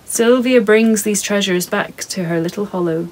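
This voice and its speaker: A woman in her thirties reads her own picture book aloud to children in a soft, calm, measured voice of medium pitch. She recorded it in her home studio, and the audio is poor.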